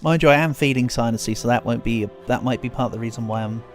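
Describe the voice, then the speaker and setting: A man livestreaming a video game chats casually in a mid-range voice at a quick pace, rambling and putting himself down, with faint music in the background. He sounds a bit congested, as if a cold is coming on.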